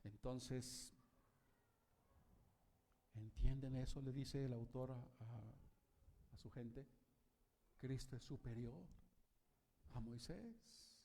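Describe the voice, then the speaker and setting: A man preaching a sermon as pastor in a church, animated and asking the congregation questions. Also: mid-range voice, slow, pauses often.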